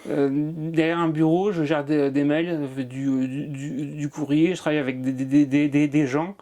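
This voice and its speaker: A man's voice: a little high, flat delivery, normal speed, mellow. A man from Marseille who is a comedian, talking in an interview with a strong stutter and many repeated sounds. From Marseille, France. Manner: strong stutter with frequent repetitions. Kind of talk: interview conversation.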